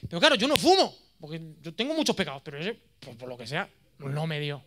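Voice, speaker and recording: A man in his thirties with an accent from Spain, giving a course lecture as a lively, self-mocking storyteller. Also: on the high side, brisk. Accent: Spain Spanish. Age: 30s. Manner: animated, self-mocking, jokey.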